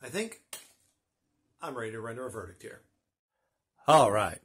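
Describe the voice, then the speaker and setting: A middle-aged man with a husky voice gives a casual, wry snack review with dry humor. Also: mid-range voice, lively intonation, normal speed, fairly bright tone. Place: small room with bookshelves, indoors.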